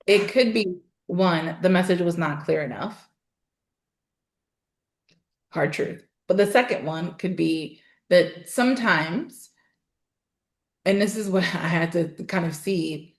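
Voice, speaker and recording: A woman guest on a podcast talking about voice and storytelling, emphatic and animated, with laughing asides. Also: fairly low pitch, slow pace, pauses often. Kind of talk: casual interview chat. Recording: roomy echo.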